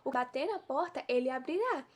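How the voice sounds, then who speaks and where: High-voiced woman preaching. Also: expressive, fairly quick. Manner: preachy, full of rhetorical questions. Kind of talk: informal devotional sermon.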